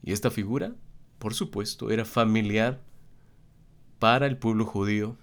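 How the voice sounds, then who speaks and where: Earnest low-voiced male Bible teacher. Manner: earnest, measured, addresses listeners directly.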